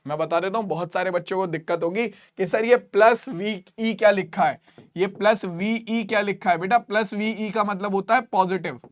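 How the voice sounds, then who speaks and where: Man, high voice, math teacher, repeats and quizzes students. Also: a bit bright. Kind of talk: classroom math lesson.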